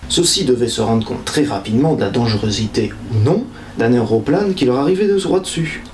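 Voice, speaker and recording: A man's voice: medium pitch, expressive, fairly quick, a little mellow, a little hiss or hum. Playful man in an echoey room. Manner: playful, jokey asides. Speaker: nature video host. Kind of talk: humorous educational vlog. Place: indoors.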